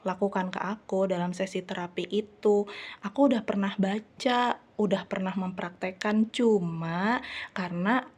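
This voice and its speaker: Woman vlogger, warm mellow tone, casual chatty storyteller with lots of hesitant fillers. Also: medium pitch, fairly even intonation, moderate pace, slightly rough.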